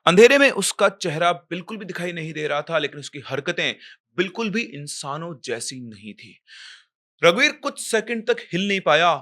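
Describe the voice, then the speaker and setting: A young man narrating a horror story in a casual, dramatic way, getting louder in tense moments and dropping to a hush, with chatty asides to the listener. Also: high voice, expressive, normal speed.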